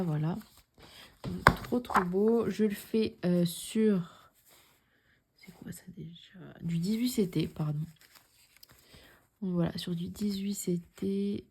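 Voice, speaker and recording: A young woman chats through her cross-stitch projects at home in a casual vlog. Her voice sits a little low and sounds mellow and warm, and she often trails into a soft near-whisper. A faint hiss of noise runs under the recording. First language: French. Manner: chatty, repeats herself, drops into soft near-whispers. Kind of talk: casual show-and-tell vlog.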